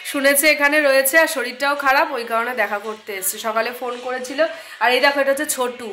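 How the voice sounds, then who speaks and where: A woman's voice: high voice, fairly even intonation, fast, a little hiss or hum. Chatty woman narrating a home vlog. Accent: Bengali. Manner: chatty, addresses viewers directly, talks softly at times. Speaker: vlogger. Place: family home, indoors.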